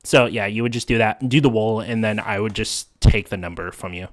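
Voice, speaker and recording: A man's voice: lowish voice, fairly quick. A man narrating as game master, describing scenes in a loose, meandering way.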